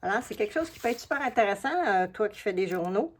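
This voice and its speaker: A woman's voice: medium pitch, animated, quick pace. A woman with a Québécois French accent, chatting casually with the viewer as she shows a craft step by step. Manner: chatty and familiar, explains each step while working. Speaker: collage artist and craft video host.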